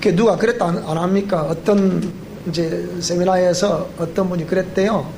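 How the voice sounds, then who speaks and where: A male pastor with a Gyeongsang accent giving a joking, animated seminar lecture that quizzes the audience. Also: high-pitched, normal speed, creaky, a little hiss or hum. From Gyeongsang region of Korea. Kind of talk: sermon-style seminar lecture. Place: church hall.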